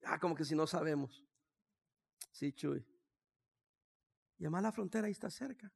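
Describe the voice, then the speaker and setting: A sixty-year-old man, a pastor, preaching a sermon with humorous stories, moving from quiet asides to shouted declarations. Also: fairly high pitch, normal speed, creaky, husky. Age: 60s.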